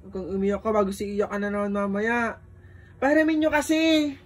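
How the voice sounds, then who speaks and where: A woman's voice: medium pitch, fairly even intonation, a little fast. A woman vlogger, talking to viewers in a playful, teasing, coaxing way. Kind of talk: casual vlog.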